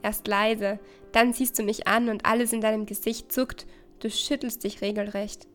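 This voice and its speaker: A woman's voice: medium pitch, flat delivery, moderate pace, soft background music. A woman reading a second-person story aloud in an intimate, conversational way.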